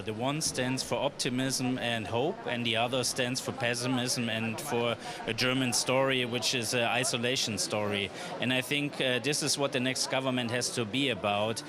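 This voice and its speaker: A politician gives a measured, formal broadcast interview, pausing on uhs as he goes. He is recorded outdoors at a busy event, with a loud crowd chattering behind him. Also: medium pitch.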